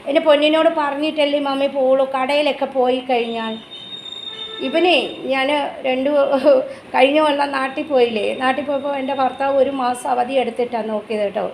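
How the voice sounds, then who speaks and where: A woman's voice: high-pitched, steady tone, a little fast. A woman with a Malayali accent, vlogging at home and talking to her dog in doting baby talk between chatty asides to viewers. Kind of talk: casual home vlog, cooing to her dog. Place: home, kitchen area. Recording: echoey home room with faint background noise.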